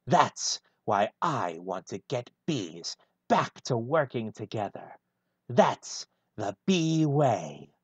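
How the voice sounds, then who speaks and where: A man voicing a gruff, brooding male hedgehog antihero in a one-take fan reading of a film script, deadpan and husky. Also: medium pitch, no room sound, lo-fi sound, exaggerated voice.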